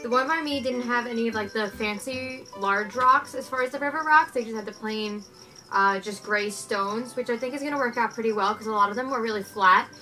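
A young woman giving a relaxed, chatty DIY tutorial with lots of filler words, sitting on her living-room floor and recorded by a camera a few feet away. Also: a little high, a little fast, faint music behind, poor audio. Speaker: pet care vlogger.

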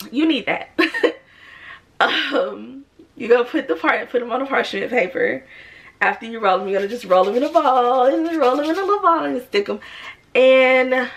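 A young woman with a slightly high, fairly bright voice chats casually with viewers in a cook-with-me video shot indoors at home. The cooking vlogger is playful and addresses her audience directly.

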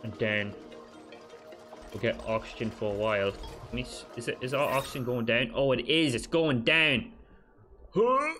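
A man giving let's play commentary as a gaming channel host, frantic and swearing, talking to himself and his viewers, his pitch jumping up sharply whenever he panics. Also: fairly even intonation, moderate pace, bright, forceful tone, soft background music.

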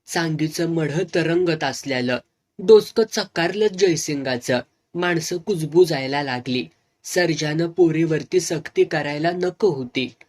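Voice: mid-range voice, a little slow, darkish tone. Earnest storyteller. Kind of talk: serialized novel reading.

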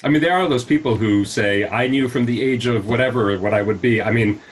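A nonprofit CEO from the United States, in his forties, speaks at a medium pitch, a little fast and slightly rough, as he thoughtfully fields interview questions with many fillers and restarts. He's indoors in a small home room on a video call using wired earbuds, and the audio is poor.

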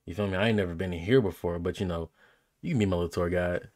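A young adult man streams casual, slangy reaction commentary, often repeating himself for emphasis. His voice is low, fast and darkish, picked up on a close microphone in a small indoor room.

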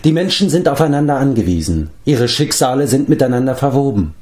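A man voicing a wise, grave prince who speaks calmly and gently, in an audiobook reading. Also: mid-range voice, fairly quick, pitched above the performer's own voice, natural voice. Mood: earnest. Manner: calm, earnest, gentle.

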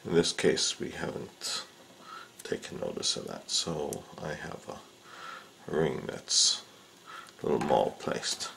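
A fishing rod repair instructor with an extremely low, gravelly voice gives a casual how-to demonstration at an indoor workbench. He speaks slowly and unhurriedly in a sing-song way with a fairly bright tone, often pausing on "uh" and "um" as he works. A faint hiss of room noise lies beneath his voice.

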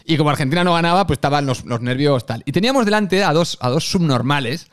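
A man's voice: on the high side, quick pace. A Spanish man with a Galician accent, a football youtuber chatting and telling stories to his viewers. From Spain. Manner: animated, chatty, addresses viewers directly. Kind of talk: casual fan commentary and storytelling.

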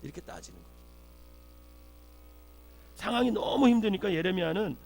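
A man's voice: high voice, lively intonation, moderate pace, gravelly, a little mellow. A man preaching an early-morning sermon as pastor, earnest, rising in force when he quotes scripture. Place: church sanctuary. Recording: faint mains hum.

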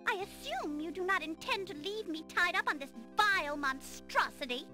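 A woman voicing an imperious, impatient young winged noblewoman in a fantasy adventure game, indignant and crisp. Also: very high voice, expressive, normal speed, bright, forceful tone, faint music behind, heavily acted. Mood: haughty, impatient.

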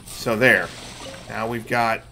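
A middle-aged game streamer and host delivers casual live commentary, explaining the action to his viewers. His fairly low, gravelly voice stays steady and slow, against game music and background noise.

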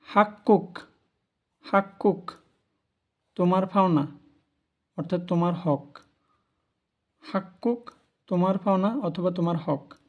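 A man's voice: high voice, measured pace, pauses often, muffled recording. A man giving a spoken language lesson, patiently repeating each word for learners. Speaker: language teacher. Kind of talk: spoken lesson on Arabic pronunciation.

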